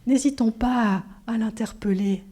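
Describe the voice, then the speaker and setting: A middle-aged woman preaching in a church, telling her testimony with lively storyteller energy. Her voice is warm and mellow, dipping into near-whispers and climbing into bright exclamations. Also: fairly high pitch, normal speed. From Switzerland. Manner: animated storytelling, drops to whispers and rises to exclamations. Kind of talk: sermon with personal testimony.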